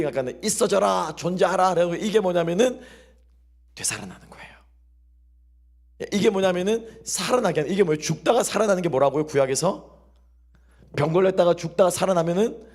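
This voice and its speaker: A male pastor preaches a sermon, his voice slightly high and a little husky. He keeps asking the congregation questions and drops into soft, quiet asides. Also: fairly quick. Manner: call-and-response questioning of the congregation. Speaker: senior pastor.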